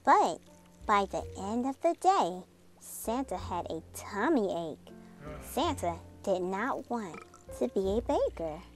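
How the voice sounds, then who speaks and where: With music in the background, a female channel host gives an expressive storybook read-aloud from a children's picture book. She speaks slowly at a medium pitch and is very animated.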